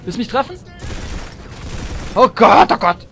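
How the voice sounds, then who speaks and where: A man's voice: very high-pitched, sing-song, unhurried, gravelly, pushed and bright, faint music behind. A man giving chatty commentary while playing a shooter game, humming and chanting while he shoots and exclaiming often. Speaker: let's player. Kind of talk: gameplay commentary.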